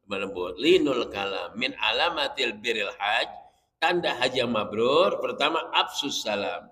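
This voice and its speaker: Joking religious teacher, reverberant. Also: male voice, medium pitch, a bit bright. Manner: jokey, chatty, explains Arabic terms. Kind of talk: religious study lecture. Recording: long hall reverb.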